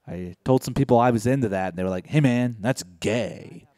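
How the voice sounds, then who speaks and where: A young man from Indiana doing a stand-up set on a comedy club stage, deadpan and low-key with sudden loud outbursts. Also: normal speed, no room sound.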